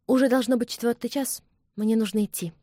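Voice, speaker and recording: A woman reading the part of a proud young English lady who exclaims in a high-strung voice. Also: steady tone, brisk, warm tone, dry recording, studio quality, natural voice. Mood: flustered.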